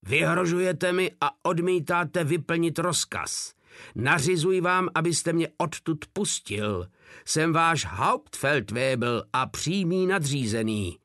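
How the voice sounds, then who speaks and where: A man's voice: expressive, bright, forceful tone, no room sound, studio quality. A man voicing a nervous, pompous German sergeant who blusters and panics. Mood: blustering. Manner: nervous and shrill.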